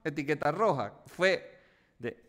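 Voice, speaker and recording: A man's voice: fairly high pitch, animated, a little slow, fairly bright tone. A man with a Venezuelan accent, co-hosting a casual chat and telling a laughing, colloquial story.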